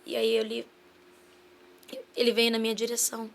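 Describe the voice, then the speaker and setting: A woman's voice: a little high, completely flat delivery, normal speed. A woman with a Brazilian Portuguese accent, a podcast guest giving an earnest personal testimony and acting out remembered dialogue. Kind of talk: personal testimony in a casual interview.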